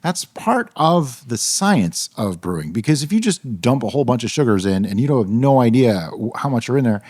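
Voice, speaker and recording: A man's voice: medium pitch, dry recording, clean studio sound. A man co-hosting a casual homebrewing podcast, talking through his opinions with lots of asides and reasoning aloud. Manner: animated, opinionated, rationalizing aloud. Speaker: podcast co-host.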